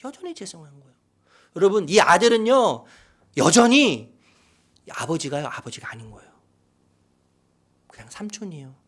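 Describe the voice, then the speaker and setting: A middle-aged man preaching a sermon as pastor, swinging from loud, animated outbursts to hushed whispers. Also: sits high, moderate pace, pauses often. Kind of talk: sermon with acted quotes. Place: church sanctuary.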